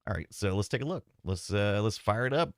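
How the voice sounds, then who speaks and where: A man's voice: fairly low pitch, lively intonation, a little fast, slight background noise. A man giving casual live commentary as he streams a game and chats with viewers. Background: game music.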